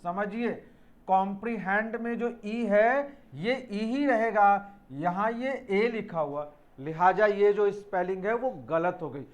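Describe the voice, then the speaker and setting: Slow and high in pitch, a man leads an English spelling lesson for students facing exams. He goes through words step by step, spelling each one letter by letter, and calls his students children.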